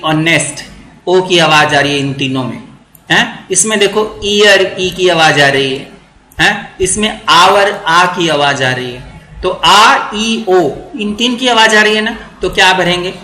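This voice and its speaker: A man teaching English grammar for exam prep, repeating words slowly to drill pronunciation. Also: a little high, pushed and bright, reverberant, poor audio.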